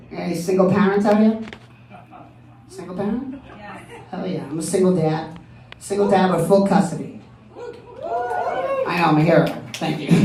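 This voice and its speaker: A man's voice: sits high, creaky, darkish tone, echoey room, distant mic. A man with a Boston accent doing a stand-up comedy set, chatty and full of "you know" and "like". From East Boston, US. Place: comedy club stage.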